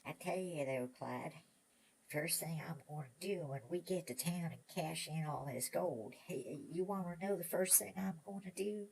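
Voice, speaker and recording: Gravelly, stammering old Western prospector. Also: male voice, fairly high pitch, moderate pace, a little mellow. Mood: eager, rambling. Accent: American Old West drawl. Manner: rambling, stammering, repeats words, chuckling old prospector talk. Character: excitable old male prospector, newly rich, chatty. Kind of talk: Western audio drama acting.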